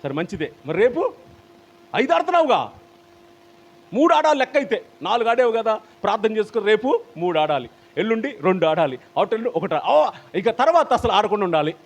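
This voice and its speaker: A male pastor with a Telugu accent preaching a sermon in an animated, dramatic way, acting out the people in his stories. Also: high-pitched, fast. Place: church hall, live stream.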